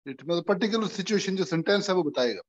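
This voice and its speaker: A man's voice: sits high, animated, highs cut off, a little hiss or hum. A man asking questions politely and hesitantly in an online class. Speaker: student.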